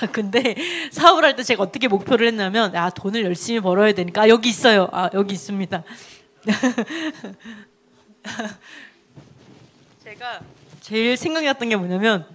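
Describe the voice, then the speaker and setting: A woman's voice: mid-range voice, moderate pace, pauses often, fairly bright tone. A woman preaching a sermon in a chatty storytelling way, laughing often and asking her listeners questions. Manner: asks the audience questions.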